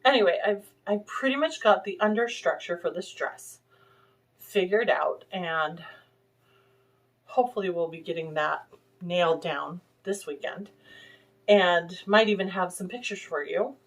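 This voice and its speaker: A woman's voice: fairly low pitch, unhurried. A woman hosting a casual vlog from her home sewing room, chatting in a rambling way and showing things to the camera. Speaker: vlog host. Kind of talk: casual chat.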